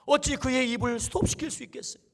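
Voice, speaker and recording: A middle-aged senior pastor preaches an exhorting sermon, calling on the congregation to answer "amen" in call-and-response. His voice is very high-pitched, with fairly even intonation and a quick pace.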